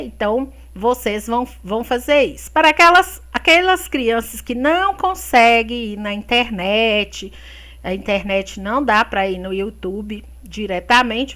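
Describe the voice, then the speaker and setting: Brazilian woman teacher, Brazilian Portuguese accent, affectionate, slow and bright, singsong. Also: fairly high pitch, animated. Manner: affectionate, uses diminutives and endearments. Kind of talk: remote class guidance.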